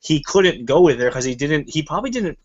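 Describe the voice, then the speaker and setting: A man's voice: on the high side, animated, a little fast. Rambling, swearing man on muffled audio. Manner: rambling and profane. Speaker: show host. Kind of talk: casual review chat. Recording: muffled lo-fi recording.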